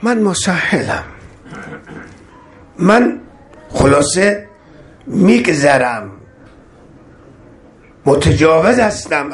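A man's voice: a little high, a little hiss or hum. A man preaching a sermon, repeating phrases with rising emphasis and chanting Arabic verses.

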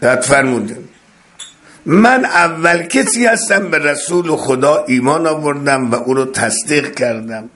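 A man's voice: a little high, expressive, sharp tone. A man preaching a religious sermon in an emphatic, declamatory way, reciting Arabic phrases and then explaining them, repeating words for stress.

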